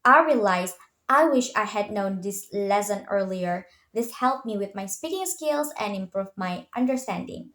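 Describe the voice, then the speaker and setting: A young woman with an Indonesian accent reads a prepared class presentation at a steady pace. She slows down to sound out example words carefully. Her mid-pitched voice carries a roomy echo. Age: young adult. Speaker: student presenter, future English teacher.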